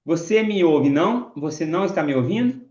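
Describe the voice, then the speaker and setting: French male teacher, slow repeated drills, a bit high, roomy dull recording. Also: animated, darkish tone. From France. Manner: slow, drawn-out model phrases, repeated drills. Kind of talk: pronunciation lesson.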